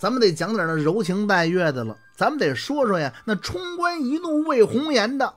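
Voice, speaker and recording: A woman's voice: mid-range voice, very animated, fairly quick, soft background music. A woman telling a historical story in a chatty traditional storytelling style, addressing the listener directly.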